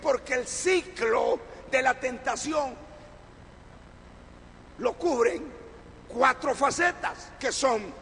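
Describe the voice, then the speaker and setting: A man preaching a sermon, asking rhetorical questions and having the congregation repeat words after him, rising at times to a shout. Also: very high voice, takes it slowly, gravelly, pauses often. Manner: call-and-response, asks the congregation to repeat. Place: church hall. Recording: echoey hall with faint noise.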